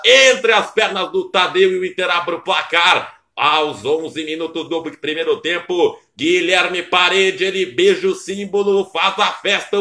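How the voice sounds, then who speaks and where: A Brazilian man giving excited play-by-play goal commentary on football for radio, in a roomy, echoing recording. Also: high voice.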